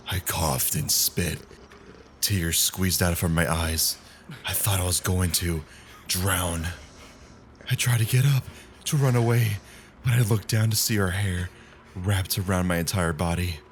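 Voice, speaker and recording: A man narrating a horror story in a measured, grim, scripted style. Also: deep voice, background noise.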